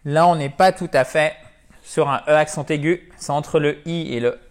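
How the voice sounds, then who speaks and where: A French-speaking man teaching English pronunciation in an online lesson, explaining slowly and repeating each word several times as a drill. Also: fairly high pitch, fairly even intonation.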